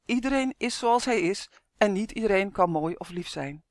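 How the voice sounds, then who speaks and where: A woman voicing a female magical creature with a fiery temper, who lectures indignantly in a higher, louder voice. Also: expressive, normal speed, no room sound, clean studio sound, lightly acted. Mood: lecturing.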